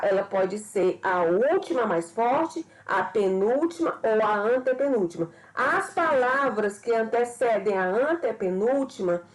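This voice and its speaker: A woman teacher explains a grammar lesson step by step in a slightly high voice. She often repeats herself and pauses to check that the class is following. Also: low-quality recording. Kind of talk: recorded grammar lesson for students.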